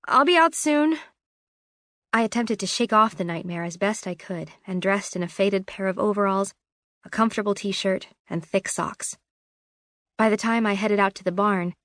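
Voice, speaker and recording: A woman reads a first-person story in a measured, descriptive way. Her voice sits in the middle of the range for a woman and sounds dry and close, with no room echo. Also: medium pitch. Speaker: audiobook narrator. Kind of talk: scripted first-person narration.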